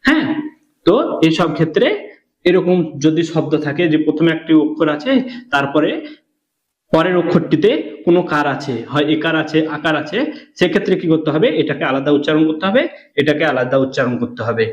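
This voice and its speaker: A man teaching a beginner reading lesson, slow and patient, asking questions and answering them himself. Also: a little high. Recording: echoey room, dull lo-fi sound.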